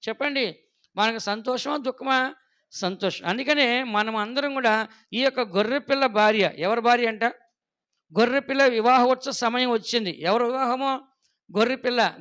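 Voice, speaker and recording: High, clear-voiced male pastor preaching. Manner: asks the congregation questions and prompts answers; animated storytelling with quoted voices. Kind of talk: sermon.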